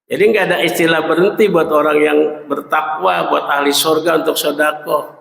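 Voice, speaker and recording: A man's voice: fairly high pitch, steady tone, moderate pace, vocal fry, a bit bright. A man preaching a morning sermon, asking the congregation questions and slipping in jokes. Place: mosque. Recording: echoey mosque hall.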